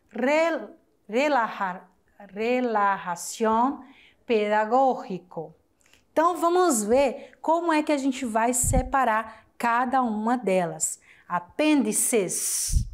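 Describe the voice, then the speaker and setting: A young adult Brazilian woman with a fairly high voice teaches Spanish in a recorded online class, speaking in a Brazilian Portuguese accent. She is warm, affectionate and chatty with her students, poses rhetorical questions and answers them herself, and runs slow drills that spell out words syllable by syllable.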